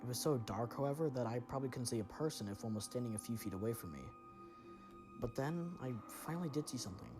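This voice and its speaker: A man's voice: mid-range voice, fast, over music. A man narrating a first-person horror story in a tense, dramatic way.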